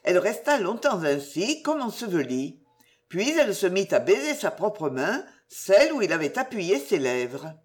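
A woman narrating a classic novel with a lively, expressive pitch. Her reading is measured and unhurried.

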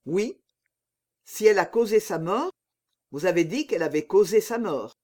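A man's voice: high-pitched, expressive, moderate pace, darkish tone. A man reading aloud, voicing a vengeful young man disguised as a monk, cold and unforgiving. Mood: stern.

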